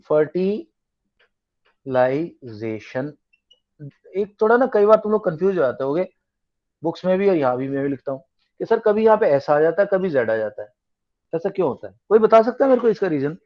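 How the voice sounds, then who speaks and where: A man's voice: high voice, very animated, fast, muffled recording. A man teaching a science class online, explaining in a mix of Hindi and English and asking his students questions. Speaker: tutor.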